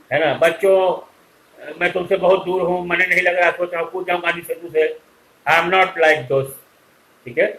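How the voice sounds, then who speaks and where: A man's voice: fairly high pitch, a bit bright, rough recording. A man teaching an online lecture, scolding and lecturing his students directly.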